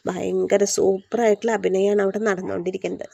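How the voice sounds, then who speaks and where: A woman's voice: medium pitch, flat delivery, fast, vocal fry, warm tone, breathy edge, no echo, lo-fi sound. A woman chattily retelling a TV serial episode, acting out the characters' lines as she goes. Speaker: serial recap narrator.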